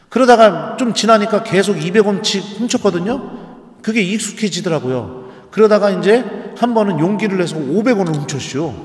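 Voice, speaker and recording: Male priest with a slightly high voice, lively storyteller, long church reverb. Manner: storytelling, animated, uses dialect endings for humor. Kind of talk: sermon. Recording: echoey church hall.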